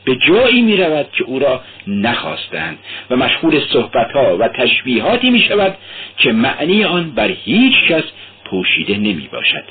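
A man's voice: medium pitch, lightly acted. A man voicing a sly, talkative police investigator who lectures and then fusses anxiously. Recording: tinny lo-fi radio recording.

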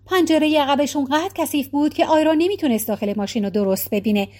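A woman narrating a novel as an audiobook, reading in an even, measured way. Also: high-pitched. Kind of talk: scripted narration.

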